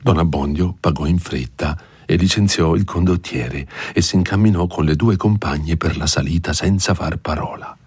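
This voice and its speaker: A man narrating a classic novel aloud in a measured, expressive audiobook reading. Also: extremely low pitch, breathy edge, dry recording. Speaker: audiobook reader.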